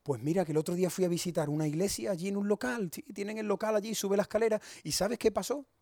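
A man preaching a sermon to a congregation, swinging from loud emphatic warnings to quick, joking storytelling. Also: sits high, steady tone, gravelly, no echo, clean studio sound.

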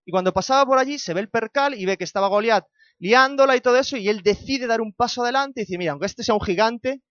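A man preaching a sermon in a Spain Spanish accent, telling personal stories in a relaxed, humorous, conversational way. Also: very high voice, fast talker, no echo. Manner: conversational, humorous storytelling with self-corrections. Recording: dry, slightly dull recording.

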